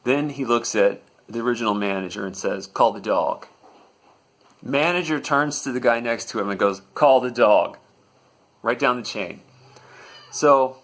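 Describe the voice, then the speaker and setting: A man's voice: lowish voice, a bit bright. A man telling a comedic personal story with a dry, matter-of-fact delivery.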